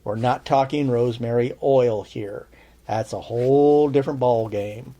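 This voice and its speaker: Male podcast herbalist, mid-pitched, mellow tone, chatty teacher with a dry edge. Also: unhurried. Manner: chatty, checks in with "okay?"; dry sarcastic asides. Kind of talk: casual spoken lesson.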